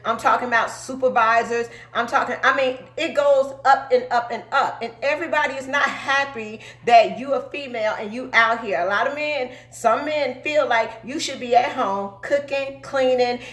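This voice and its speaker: A woman's voice: a little high, normal speed, few pauses, a bit bright, echoey room. A woman in her forties giving an emphatic motivational talk to viewers, often checking in with "okay?". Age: 40s. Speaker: truck driver and recruiter.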